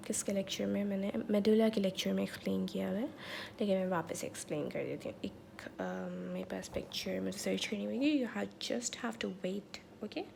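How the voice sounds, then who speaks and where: A woman's voice: mid-range voice, vocal fry, darkish tone, slight background noise. A woman giving a casual medical lecture with a slightly sore throat, chatty and checking in often with her listeners. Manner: chatty, mixes English terms, repeats "theek hai".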